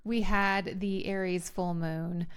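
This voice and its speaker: A woman's voice: fairly low pitch, steady tone, takes it slowly, clear, resonant tone. A woman with a Texan accent co-hosting a casual podcast, talking through astrology in a chatty way with restarts and easy laughs. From Texas. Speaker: podcast co-host. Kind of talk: casual chat about astrology.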